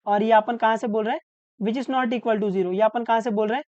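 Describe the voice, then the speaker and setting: A woman teaching maths step by step, asking questions and answering them herself, and slowly dictating each formula. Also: a little high, steady tone, darkish tone, no echo. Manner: asks questions then answers them, often adds "isn't it?". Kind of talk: step-by-step lesson while writing. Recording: dull, muffled sound.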